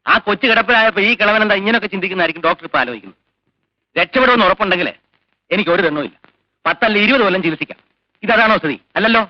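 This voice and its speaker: A blunt, hard-headed old man who argues his case in a high, rapid voice. It is a dry, close recording from a dull, dated 1980s film soundtrack. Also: expressive, no echo. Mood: argumentative. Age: older. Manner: blunt and argumentative. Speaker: grandfather.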